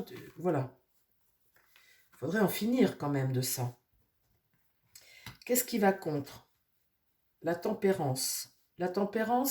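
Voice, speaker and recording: Stuffy-nosed woman doing a casual tarot reading, lowish mellow voice, lots of ums and restarts. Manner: rambling, many fillers and restarts; addresses her tarot deck softly. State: nasal from a cold. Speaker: tarot reader.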